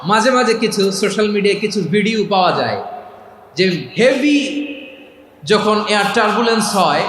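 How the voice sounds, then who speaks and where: High-voiced man preaching with echo. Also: a bit bright, a little hiss or hum. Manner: calls out questions to the crowd and demands they answer aloud; chants the dhikr in a drawn-out sung voice. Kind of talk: Islamic sermon to a large gathering.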